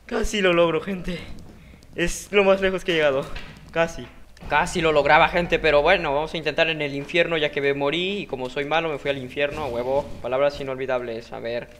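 Excitable young Mexican gamer. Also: male voice, fairly high pitch, quick pace, slight background noise. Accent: Mexican Spanish. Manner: excitable, yelps and curses at near misses. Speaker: gaming YouTuber. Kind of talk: live gameplay commentary.

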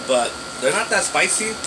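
A man in his thirties giving a casual snack review to camera, talking haltingly and chattily as he eats crunchy chips. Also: on the high side, creaky. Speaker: food review vlogger. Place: small bedroom, indoors. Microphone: phone at arm's length or propped nearby. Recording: noisy room with steady background hum.

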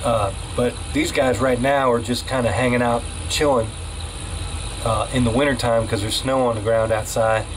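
A man's voice: mid-range voice, steady tone, moderate pace, a little hiss or hum, poor audio. A man casually vlogging off the cuff, rambling in a folksy way with lots of fillers, filmed indoors at home on a handheld camera. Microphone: handheld camera mic.

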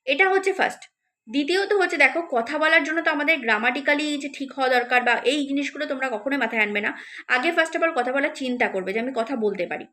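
A woman's voice: high voice, fast talker, pushed and bright. A woman tutor giving an encouraging spoken lesson, talking straight to her students with frequent fillers. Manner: encouraging, addresses viewers directly with many fillers.

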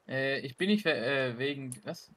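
A man's voice: medium pitch, moderate pace, a bit bright, a little hiss or hum. A young man chatting casually and teasingly as a co-player in a game stream. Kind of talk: casual gaming chat.

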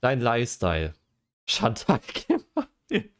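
Speaking slowly at medium pitch, with wild swoops in his intonation, a young man streams a game against slight background noise. He keeps the chat casual and joking as he reads out quiz questions and thinks through his answers.

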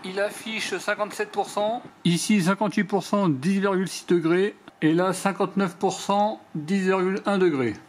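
A French man calmly walking through a product test off camera, reading out measurements one by one in a matter-of-fact way. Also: high voice, normal speed, hardly any pauses, slight background noise. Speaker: DIY product reviewer. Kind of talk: hands-on product demonstration voice-over.

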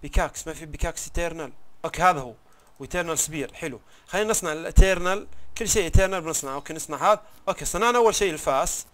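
A man's voice: a little high, rapid-fire, a bit bright. A young man giving casual gameplay commentary, chatty and thinking aloud, often trailing off mid-word. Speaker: gaming YouTuber.

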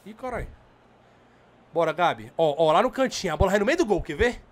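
A man's voice: sits high, fairly quick. A Brazilian man giving live gameplay commentary, swearing and urging his players on, keeping his voice down because of the late hour. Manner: excitable, swearing and urging on the screen; holding back from shouting because of the late hour. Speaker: gamer.

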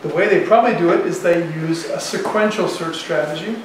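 Speaking fairly quickly in a fairly high voice, a university economics professor in his sixties lectures in colloquial language, as if thinking aloud, before a chalkboard. The classroom is very echoey, he's picked up from a distance, and faint background noise lingers.

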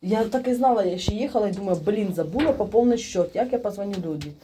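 A woman with a Chernihiv-region Ukrainian accent, mixing in Russian words, chatting jokily into her phone while stuck in a small elevator, swearing and dropping to a hush to listen. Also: mid-range voice, fast talker, slight background noise. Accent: Chernihiv-region Ukrainian with Russian-mixed speech. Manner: joking and wry, swears, drops to a hush when listening. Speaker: vlogger filming on her phone. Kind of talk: casual chat.

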